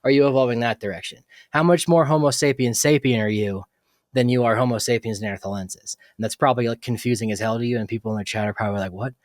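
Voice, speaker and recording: A man's voice: medium pitch, fairly even intonation, fast talker, no room sound, studio quality. A young adult man hosting a casual solo podcast, rambling through tangents with lots of fillers like "like" and "um.". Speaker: podcast host.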